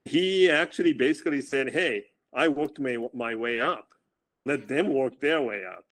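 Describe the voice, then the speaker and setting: Talking at normal speed with a medium pitch, this man is a running coach chatting casually in an interview. His voice is loud, and he often doubles up on words at the beginnings of sentences.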